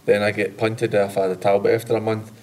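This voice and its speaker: A man's voice: on the low side, flat delivery, a little fast, darkish tone. A man with a west of Scotland Glasgow accent chatting casually, jokey, self-deprecating and sweary. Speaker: former junior footballer. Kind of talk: casual chat.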